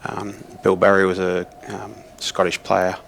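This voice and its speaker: A man from Australia co-commentating a snooker match, rambling through stories with many pauses and ums. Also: sits low, monotone, creaky, a bit bright, a little hiss or hum. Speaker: co-commentator and former player. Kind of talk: relaxed snooker commentary and anecdotes.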